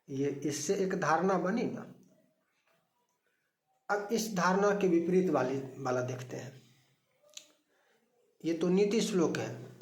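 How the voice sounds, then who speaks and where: A man giving a slow, explanatory discourse on scripture, asking questions and answering them himself and reciting Sanskrit verses. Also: high voice, reverberant. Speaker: religious teacher.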